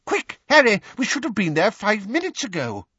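A man voicing an anxious, hurried wizard father, agitated and breathless, in a storybook reading. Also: lowish voice, huge pitch swings, a bit bright, slightly rough, no echo, highs cut off, full character voice. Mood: urgent, anxious.

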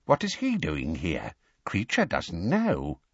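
A man voicing a hunched, spiteful old male house elf who mutters hoarsely under his breath. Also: deep voice, wildly swooping pitch, slow pace, dry recording, dull audio, full character voice. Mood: spiteful muttering.

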